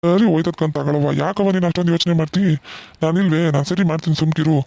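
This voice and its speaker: Man playing a reassuring village dad in a cartoon, fast, gravelly, dark-toned, flat delivery. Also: a little high, no echo. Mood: comforting. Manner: soothing, reassuring. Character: gentle middle-aged village father, reassuring. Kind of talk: cartoon voice acting.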